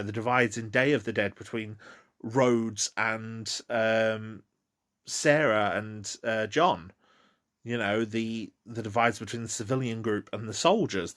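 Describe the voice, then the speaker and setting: A man's voice: lowish voice, fairly bright tone. A man hosting a solo podcast, talking through films casually with many ums and restarts. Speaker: podcast host. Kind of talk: casual solo film commentary.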